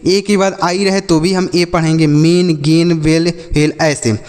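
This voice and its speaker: Man, high voice, phonics teacher for kids, slow spelling drills, repeats questions, long reverb. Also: level tone, darkish tone. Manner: slow, repeats words and asks the class back. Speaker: English teacher. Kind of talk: phonics lesson for children.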